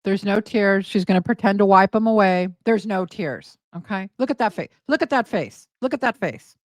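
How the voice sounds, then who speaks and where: A woman's voice: mid-range voice, expressive, moderate pace, dry recording. A middle-aged woman hosting reaction commentary, sarcastic and scoffing as she argues back at a clip. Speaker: commentary channel host.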